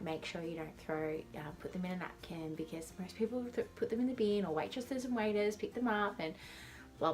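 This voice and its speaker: A young adult woman chatting casually and informally to camera, with a lisp and whistling s sounds from dental aligners, rambling in a self-deprecating way. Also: lowish voice. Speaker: vlogger.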